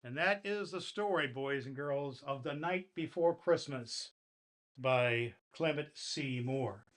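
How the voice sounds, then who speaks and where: A man playing jolly old Santa Claus as a kindly grandfatherly storyteller, reading to children with deliberate, theatrical emphasis. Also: mid-range voice, a bit bright. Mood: kindly, warm.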